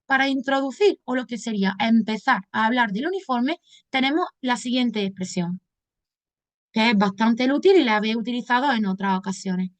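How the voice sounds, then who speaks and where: Higher-voiced woman teaching English vocabulary. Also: expressive, normal speed. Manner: explains step by step, addressing students as a group. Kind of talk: recorded lesson explanation.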